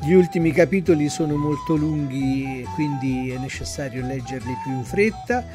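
A storyteller reading a classic tale aloud with expressive narration, then adding a short explanatory note. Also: medium pitch, normal speed, over loud music. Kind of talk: storybook read-aloud with commentary.

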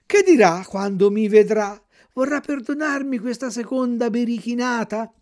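A man's voice: very high-pitched, moderate pace, a little mellow, pitched above the performer's own voice. A man voicing a wooden puppet boy who pleads urgently and whines when he is kept waiting. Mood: remorseful.

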